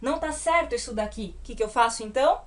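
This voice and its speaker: A fairly high-voiced woman with a Brazilian Portuguese accent leads a whiteboard grammar lesson. She talks patiently, keeps checking in with short tag questions, and slows down to spell out each English example. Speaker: English teacher.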